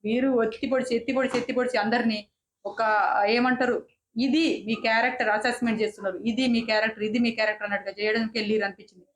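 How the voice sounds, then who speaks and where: A woman's voice: on the high side, flat delivery, racing, reverberant, slight background noise. A woman giving an opinionated, indignant review of a reality show, often repeating herself and restarting words. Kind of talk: casual opinionated commentary.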